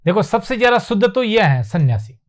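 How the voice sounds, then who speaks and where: A man with a fairly high voice gives a classroom lesson on spelling. He says each word again and again with slow emphasis, then asks a question and answers it himself. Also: sing-song. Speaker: Hindi teacher. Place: classroom with whiteboard.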